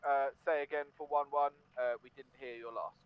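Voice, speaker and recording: A man quickly acknowledging calls over a walkie-talkie radio net. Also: mid-range voice, steady tone, smooth. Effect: heard over a walkie-talkie radio net. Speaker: vehicle crew radio operator in a game. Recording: muffled distant radio with faint hiss.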